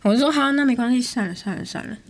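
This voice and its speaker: A woman's voice: a little high, racing. A woman, telling a story in a casual, exasperated chat as host. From Taiwan.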